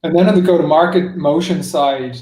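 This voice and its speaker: With a warm tone and fairly high pitch, a man speaks a little fast as the guest in a business interview, where he's a marketing executive. Plenty of "like" and "you know" fill his casual explanations, and the sound is distant and echoey.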